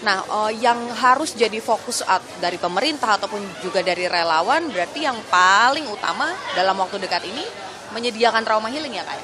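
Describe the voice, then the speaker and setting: A woman's voice: medium pitch, lively intonation, brisk. A woman field reporter at an outdoor shelter, friendly and upbeat when asking questions, then formal as she signs off. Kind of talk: live field news report. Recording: crowd noise at an outdoor shelter. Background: busy crowd.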